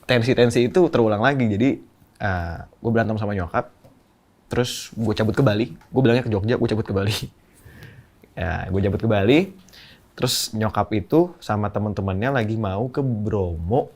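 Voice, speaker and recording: A man's voice: lowish voice, moderate pace, a little mellow. A young man, a podcast guest, telling a candid, emotional personal story in slangy casual speech.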